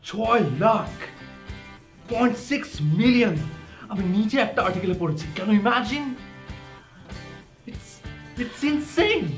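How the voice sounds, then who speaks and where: An actor playing a fussy, germ-fearing young husband in a TV drama, panicky and pleading. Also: male voice, high-pitched. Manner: panicky, then softly pleading. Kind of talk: TV drama acting.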